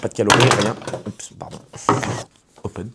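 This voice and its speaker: A man casually presenting his car and sponsors in a loose, excited vlog, full of fillers and slang. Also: normal speed, big-room sound, very noisy.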